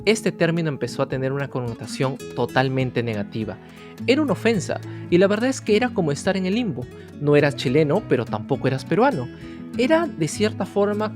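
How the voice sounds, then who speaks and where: A man's voice: on the high side, lively intonation, a little fast. A man narrating an educational history video, telling the story directly to the viewer. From Peru. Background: guitar music.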